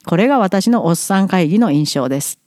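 A blunt, plain-spoken middle-aged woman from Japan speaks her mind in a vlog monologue. Her pitch swings widely as she presses each point. The sound is dry and close. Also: expressive, a little mellow, no echo. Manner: emphatic, blunt, plain-spoken, with quick asides. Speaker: vlogger commenting on society. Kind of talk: outspoken monologue.

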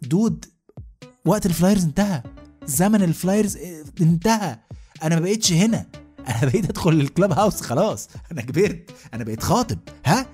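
A man's voice: high voice, lively intonation, quick pace, darkish tone, faint music behind. An Egyptian man in his thirties delivering a comic rant as a podcast host, asking "you know what I mean" again and again. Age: 30s. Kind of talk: comic monologue.

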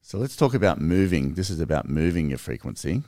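Low-voiced man explaining earnestly. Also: brisk, no echo, clean studio sound. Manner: earnest, animated explaining with restarts. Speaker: podcast co-host. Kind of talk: casual conversation.

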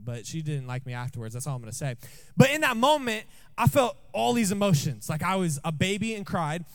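In a church, a man with a fairly high voice preaches while sharing a story from his own life. He keeps it jokey and conversational, often tossing questions out to the congregation.

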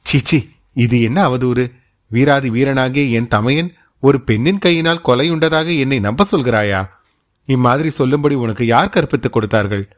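A man's voice: medium pitch, normal speed, close to an everyday voice. A man reading as a stern proud princess. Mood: indignant. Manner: stern, scolding. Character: proud stern royal princess, grieving, commanding.

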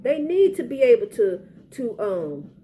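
A middle-aged American woman speaks in a notably high voice with a soft, mellow tone. She gives homespun advice earnestly, pleading and circling back to press her points. There is faint noise behind her. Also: sing-song, measured pace. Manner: earnest, pleading, repetitive exhortation. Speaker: parent speaking out in a personal public service message. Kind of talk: informal heartfelt advice monologue. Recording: faint background noise, ambient sound.

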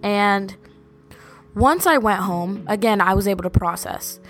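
A young woman talks in a casual, valley-girl manner, telling a personal story as a podcast host. Her voice sits at a medium pitch for a woman, and she drops "like" in often. Music plays behind her. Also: unhurried. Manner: valley-girl way of talking with frequent "like".

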